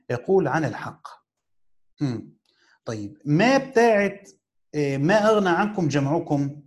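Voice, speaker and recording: A man with an Egyptian Arabic accent teaches a classical Quran commentary in a casual lecture style, his voice fairly high and darkish in tone. He often poses questions to his students and answers them himself, with drawn-out pauses.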